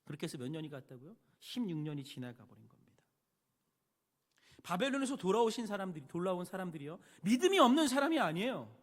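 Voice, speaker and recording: Pastor guy preaching, high voice, really animated, hushed then loud, long church reverb. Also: fast. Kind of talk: sermon.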